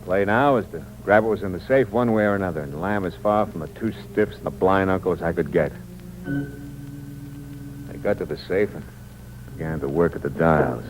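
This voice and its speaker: In a dull 1950s radio broadcast with hum, an actor plays a cold, hard-boiled con man who is both narrator and lead, telling his story in the first person with tough, clipped slang and a menacing edge. His low-pitched voice moves at normal speed and sounds close to an everyday voice.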